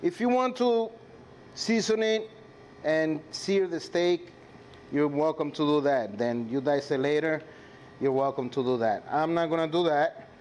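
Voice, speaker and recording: Dominican-accented male chef, slightly high voice. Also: measured pace, a little mellow. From Dominican Republic. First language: Spanish. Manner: chatty, addresses viewers and crew directly. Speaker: chef hosting a live cooking class. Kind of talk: casual cooking demonstration. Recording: clear sizzling and kitchen noise.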